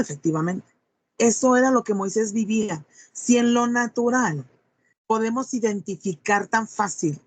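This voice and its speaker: A woman's voice: mid-range voice, dry recording. A woman preaching a sermon, reading scripture aloud and then expounding it with emphatic rhetorical questions to her listeners.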